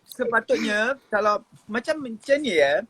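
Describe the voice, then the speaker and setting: A middle-aged man hosting a live stream on his phone, chatting and teasing in an animated way while coaching speakers. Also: extremely high pitch, moderate pace, slight background noise. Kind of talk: casual live-stream chat.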